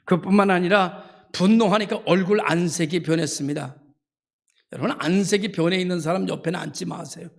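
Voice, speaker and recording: A middle-aged male pastor delivers a Sunday sermon in a raised, gravelly voice. He builds his points through rising, emphatic repetition and slips into the voices of churchgoers and of God. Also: high voice, a little fast. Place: church sanctuary.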